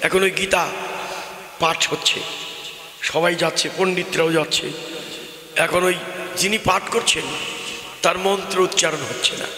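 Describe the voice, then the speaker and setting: A man's voice: high voice, steady tone, a little slow, pauses often, sharp tone. A man giving a devotional kirtan sermon, telling a story with emphatic, sing-song delivery that rises and falls. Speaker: kirtan preacher. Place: open-air gathering with loudspeakers. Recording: echoey hall from a PA system.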